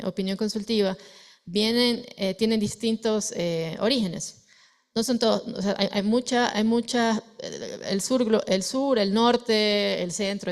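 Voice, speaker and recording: Hesitant creaky-voiced woman from Ecuador. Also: medium pitch. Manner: hesitant, many fillers and restarts. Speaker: panelist. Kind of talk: academic panel discussion.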